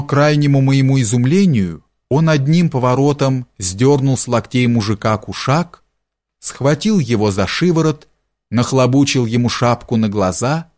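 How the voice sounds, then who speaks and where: A man narrating classic prose for an audiobook in a slow, measured way. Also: mid-range voice, darkish tone.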